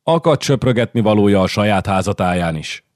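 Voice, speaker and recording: A man's voice: lively intonation, darkish tone, no echo, studio quality, natural voice. A male narrator voicing a proud, furious queen who shrieks and scolds, in an audiobook. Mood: scornful. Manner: shrill, hissing, scolding.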